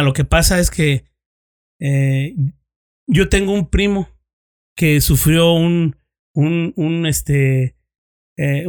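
Man, Mexican accent, slightly high voice, ex-police investigator, casual storytelling, crude slang, acts out dialogue. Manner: slangy, swears freely, acts out both sides of dialogue. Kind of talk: casual storytelling among friends.

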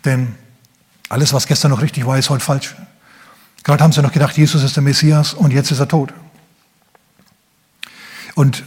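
A man's voice: mid-range voice, darkish tone, husky. A man with a German accent preaching a sermon, telling the story vividly and addressing the congregation directly.

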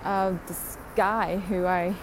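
A woman's voice: mid-range voice, fairly even intonation, slow, background noise. A young adult woman hosting a podcast, rambling through a casual solo rant, mocking herself and laughing often. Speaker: podcast host.

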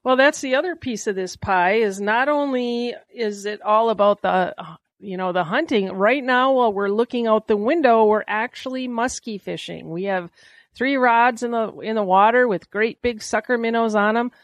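A woman's voice: on the high side, moderate pace, dry recording. A woman hosting a casual outdoor podcast from a small cabin, talking in a chatty, folksy storytelling way. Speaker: podcast host. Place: small lakeside cabin, indoors.

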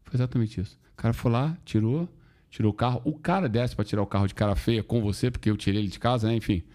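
This man talks fast in a lowish voice. Chatting on a casual podcast, he tells lively stories packed with slang and swearing and performs the voices of the people in them.

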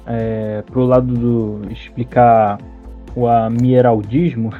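A man's voice: mid-range voice, little pitch movement, slow pace, narrow, tinny audio, faint music behind. A man hosting a podcast, asking a question hesitantly and laughing at himself. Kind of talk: casual chat.

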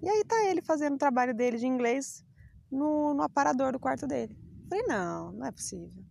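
A woman's voice: high voice, fairly quick, gravelly, dark tone, no echo. A woman chatting to her phone on a bike ride outdoors, telling a story about her day in a chatty, confiding way. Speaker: podcast host. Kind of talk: casual outdoor vlog monologue.

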